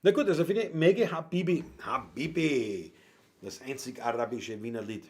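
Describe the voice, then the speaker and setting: A man with a Viennese accent hosts a music livestream alone from home, where he is a Wienerlied singer. His mid-range, darkish voice moves at normal speed as he reads viewer comments in an easygoing, rambling way, chuckling between remarks.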